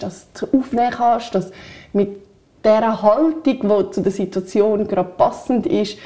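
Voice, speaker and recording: A woman's voice: fairly high pitch, a little mellow. A woman with a Swiss German accent co-hosting a podcast, speaking candidly and thinking aloud in long, winding sentences. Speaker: podcast co-host. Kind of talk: reflective casual chat.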